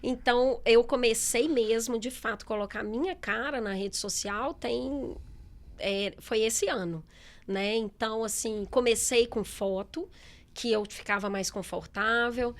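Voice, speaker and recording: A middle-aged businesswoman in a relaxed interview, talking candidly with many fillers and quoted asides. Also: fairly high pitch, measured pace. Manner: chatty, candid, lots of fillers and quoted speech. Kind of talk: casual interview talk.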